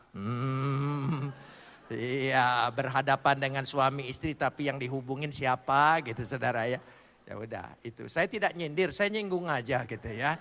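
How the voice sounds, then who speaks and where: A male pastor preaching a sermon with animated, playful delivery, spelling out words letter by letter and swinging between loud and soft. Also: medium pitch, long reverb tail. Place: church hall.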